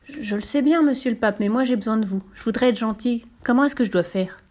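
Woman voicing a timid little devil, high and pleading. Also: fast talker, darkish tone, lightly acted. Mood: insistent. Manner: meek, pleading, eager to please.

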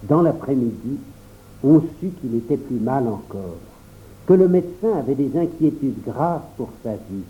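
A man narrating a storybook in the first person, expressive and voicing every character. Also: medium pitch, unhurried. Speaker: audiobook reader. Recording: tinny phone-like recording.

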